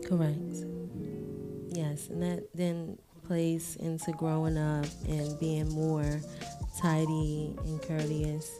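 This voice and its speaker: Slow-talking frank woman podcaster. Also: low voice, monotone, music in the background. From Washington, D.C. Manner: candid, frank, swears casually. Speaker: podcast co-host. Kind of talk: casual chat.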